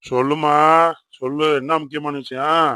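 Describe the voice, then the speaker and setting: A man voicing a mild father in a cartoon who calmly settles his children's quarrels. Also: a little high, normal speed, no echo. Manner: calm, placating. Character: mild-mannered father, peacemaker. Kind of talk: Tamil cartoon voice acting.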